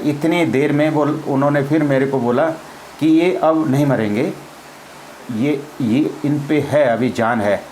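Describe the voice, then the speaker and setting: A man's voice: medium pitch, darkish tone, a little hiss or hum, poor audio. Man telling a war story. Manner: acts out quoted dialogue, laughs as he tells it. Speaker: former army officer recounting a battle. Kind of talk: spoken personal storytelling.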